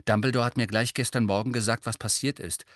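A man voicing a clever, bossy teenage girl who talks in a brisk, lecturing way. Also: mid-range voice, steady tone, dry recording, clean studio sound, natural voice.

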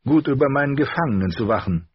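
A man's voice: medium pitch, lively intonation, fast talker, husky, dry recording, dull audio, voice pushed up. A man voicing a proud, stern middle-aged noblewoman who speaks in a curt, commanding way.

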